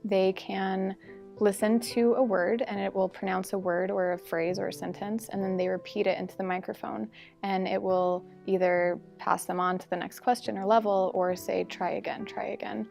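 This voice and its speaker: A woman who teaches English as a second language, explaining her students' needs in a steady, explanatory way in an interview. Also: medium pitch, moderate pace, gravelly. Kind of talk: interview testimonial. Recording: soft music bed underneath.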